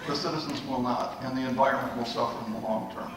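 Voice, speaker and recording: A man's voice: medium pitch, steady tone, fast, very noisy. A man giving an emphatic public comment at a hearing, repeating phrases for effect. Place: large public meeting room. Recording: echoey hall from a distance.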